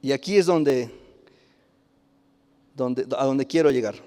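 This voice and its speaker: A man with a Mexican Spanish accent preaching a sermon as a pastor, chatty and animated, throwing out many rhetorical questions. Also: mid-range voice, slow. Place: church hall. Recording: long church hall reverb.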